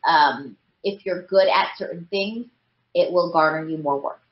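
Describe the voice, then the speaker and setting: A woman in her thirties, a voice actress appearing as a guest, chats casually in an interview, her voice fairly low and unhurried. She's chatty and fills gaps with "like" and "you know," and the podcast audio is roomy and slightly dull.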